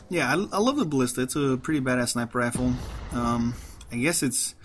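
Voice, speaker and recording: Over a faint hiss or hum, a man offers rambling, casual gameplay commentary in a light Mexican Spanish accent, often restarting and laughing at himself. His voice is mid-range and fairly bright, lively in intonation, at a moderate pace.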